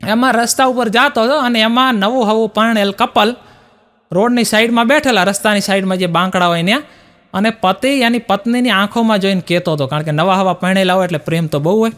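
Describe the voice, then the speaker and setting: A man with a Gujarati accent performs stand-up comedy in a very high voice. He spins folksy village jokes and plays out each exchange with a playful touch. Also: fairly even intonation, fast talker, a bit bright. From Gujarat, India. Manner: playful, folksy storytelling with acted dialogue.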